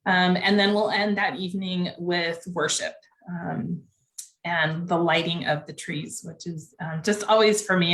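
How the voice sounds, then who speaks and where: A woman's voice: lowish voice, a bit bright. A woman pastor in casual chat, steadily explaining upcoming church events, recorded at church. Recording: echoey room.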